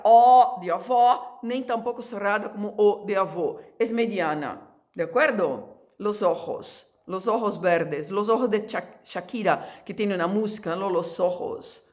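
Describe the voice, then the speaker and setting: A woman, teaching Spanish in a lively, chatty video lesson, drawing out sounds to demonstrate them. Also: mid-range voice, measured pace.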